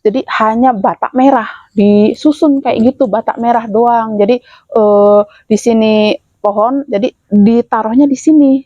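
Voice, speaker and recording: A woman's voice: fairly high pitch, a little slow, dry recording, lo-fi sound. A woman hosting a spiritual channel. She explains in a polite, hesitant way, with many fillers and apologetic asides. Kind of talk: casual explanatory talk.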